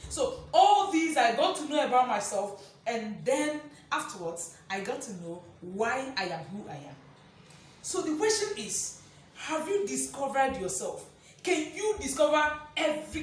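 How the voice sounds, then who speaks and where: A woman coach giving a motivational talk to viewers, talking in a descriptive way and checking in with questions, slowing down to stress her words. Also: sits high, recorded from a distance. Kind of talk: direct-to-camera motivational talk. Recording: very echoey room, voice a bit off-mic, faint noise.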